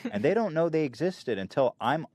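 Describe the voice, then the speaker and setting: Animated profane man on a podcast. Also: on the high side, a little fast. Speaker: podcast host. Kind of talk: casual chat. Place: podcast studio.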